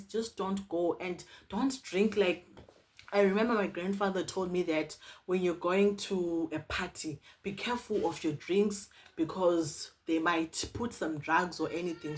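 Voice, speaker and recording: A young woman from South Africa talks straight to her viewers in a casual vlog. Her voice sits a little low, and she tells her story earnestly, pleading and repeating words for emphasis. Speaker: vlogger.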